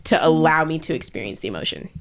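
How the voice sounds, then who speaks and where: A woman's voice: low-pitched, big pitch swings, fast, vocal fry. A woman telling a personal story on a chat podcast, earnest and reflective, with lots of "like" and "um". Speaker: podcast guest. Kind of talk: casual chat.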